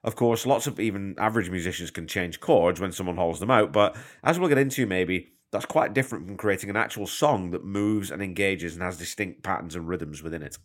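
A Canadian podcast host with a low voice speaks fairly quickly, barely pausing, into a portable mic in his hotel room. A cold leaves him slightly congested as he patiently explains things, chatty and self-deprecating throughout the casual monologue.

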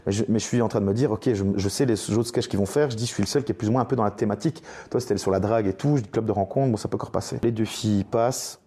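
A young male comedian talks quickly in a low, dark voice and tells stage anecdotes in a relaxed podcast conversation. He slips into other people's voices as he retells their lines. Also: breathy edge. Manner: lively storyteller who acts out other people's lines. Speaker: stand-up comedian guest.

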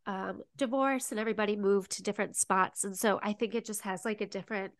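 A woman's voice: mid-range voice, fairly even intonation, quick pace, dry recording, studio quality. A young woman co-hosting a casual podcast chat, chatty and tearful, with a sniffly voice and lots of fillers. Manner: chatty, emotional, says "like" often. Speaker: podcast co-host.

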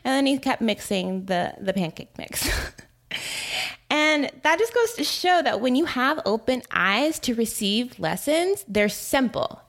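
A woman's voice: fairly high pitch, sing-song, unhurried, gravelly, a bit bright. A woman podcast host telling a personal story in a casual monologue, laughing often and acting out the voices she quotes. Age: adult.

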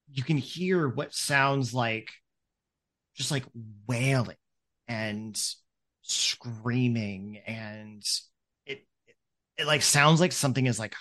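A man's voice: medium pitch, a bit bright. A man running a tabletop game as game master, narrating in a rambling way, full of "like" and "um". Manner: rambling, many "like" and "um" fillers.

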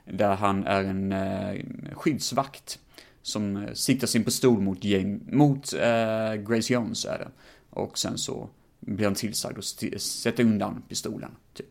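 A man with a somewhat low voice hosts a podcast episode on his own. He talks through a film in a loose, rambling style, full of fillers and casual swearing. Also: fairly even intonation, creaky. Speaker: podcast host. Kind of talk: casual film review monologue.

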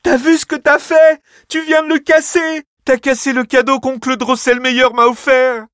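A man puts on a lively little girl for a storybook, with a voice pitched high and bright. She is eager and excitable, turning shrill whenever she is crossed. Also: normal speed, breathy edge, no echo, studio quality. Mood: furious. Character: lively young girl, eager and quick-tempered. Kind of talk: storybook reading.

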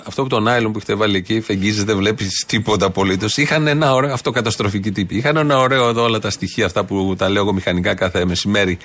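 A man's voice: on the low side, fairly bright tone. A man hosting a satirical radio show, making wry, sardonic asides.

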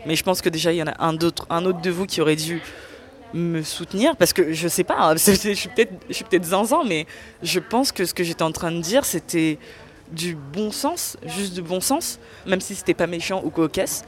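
A woman's voice: fairly low pitch, moderate pace. Earnest young woman recounting an experience. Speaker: interviewee. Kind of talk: candid personal testimony.

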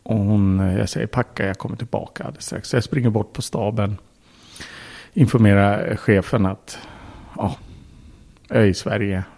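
Gravelly low-voiced man telling a war story. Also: steady tone, a little mellow. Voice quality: gravelly, husky. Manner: blunt, swears, acts out quotes. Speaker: podcast guest. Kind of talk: casual storytelling.

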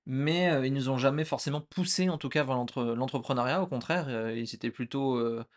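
A young man co-hosting a casual chat podcast, relaxed and hesitant, with many fillers. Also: medium pitch, a little fast. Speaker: podcast co-host.

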